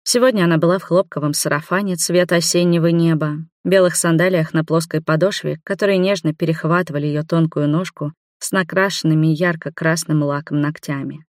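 A man narrating an audiobook in an even, descriptive reading. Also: fairly high pitch, brisk, hardly any pauses, dry recording, clean studio sound.

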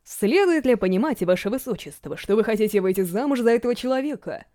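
A woman voicing an old male priest who speaks in a hushed, formal way in an audiobook reading. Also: a little high, expressive, quick pace, no room sound, studio quality, natural voice.

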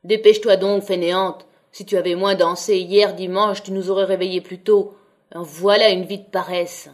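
A woman voicing a gruff middle-aged miner father who scolds loudly in a slurred, sleepy way, read from an audiobook. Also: medium pitch, little pitch movement, normal speed, natural voice. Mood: angry scolding. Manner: loud, slurred, groggy scolding.

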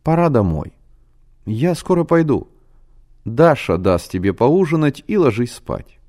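Man voicing elegant mother, brisk, composed, lifted voice, storybook. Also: mid-range voice, very animated, warm tone, pitched above the performer's own voice.

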